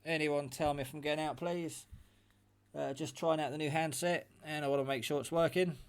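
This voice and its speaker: Filmed indoors at home on a phone held by someone off camera, this man demos radio gear at a table. His voice sits on the high side, smooth and fairly even, moving a little fast as he rambles through the test in a chatty, self-deprecating, matter-of-fact way.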